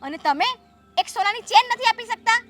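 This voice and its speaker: An actress playing a domineering sister-in-law who scolds and argues sharply in a family drama. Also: female voice, very high voice, lively intonation, a little fast, a bit bright, faint music behind. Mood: scolding. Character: domineering, haughty sister-in-law of adult age. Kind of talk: scripted family drama dialogue.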